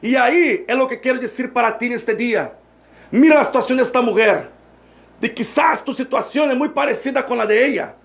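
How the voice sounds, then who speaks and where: A man's voice: very high-pitched, a little fast, creaky. A man preaching a sermon as an evangelist, with a fervent, repetitive preaching cadence. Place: church service with two preachers.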